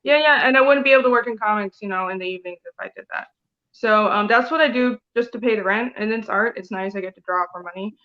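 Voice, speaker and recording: A woman from Taiwan in her thirties chats as a guest, rambling loosely and filling her talk with "like" and "you know". Her voice sits at an ordinary middle pitch. The online call audio is dull and lo-fi. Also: quick pace. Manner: chatty and rambling, heavy use of "like" and "you know". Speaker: guest comic artist. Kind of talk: casual interview chat.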